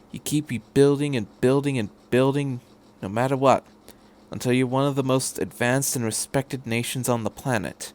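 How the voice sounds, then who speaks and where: A man reading fan fiction aloud as an energetic, eccentric, reassuring time traveller who makes earnest, emphatic speeches. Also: medium pitch, close to an everyday voice. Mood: quiet, admiring. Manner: emphatic, rapid repeated words, earnest speechifying.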